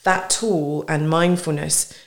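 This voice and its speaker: A woman in her forties, a coach, explaining a calming technique in a relaxed podcast conversation with thoughtful pauses. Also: low voice, gravelly. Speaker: guest coach.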